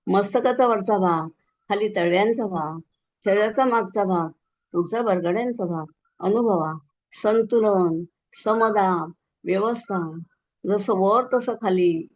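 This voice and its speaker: A woman guiding a meditation and relaxation session, giving slow, soothing instructions and drawing out long chanted words. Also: mid-range voice. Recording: dull lo-fi recording.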